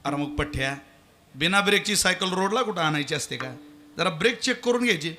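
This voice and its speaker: A man's voice: high-pitched, lively intonation, a little fast, sharp tone, pitched below the performer's own voice. A man voicing a stern male judge who scolds a defendant in a rustic, fatherly way. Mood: scolding.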